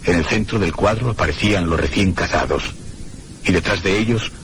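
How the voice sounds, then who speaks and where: Over prominent background music, a deep-voiced male actor with a Castilian Spanish accent narrates an eerie radio drama as its brooding, troubled traveller. His voice is a bit bright, and his measured, literary delivery is brooding and reflective. A slight hiss or hum can be heard.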